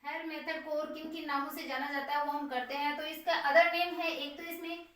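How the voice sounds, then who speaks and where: In a very echoey room, far from the mic, a woman teacher writes on the board while explaining a lesson and answering her own questions. She has a high, slightly bright voice with fairly even intonation and normal speed.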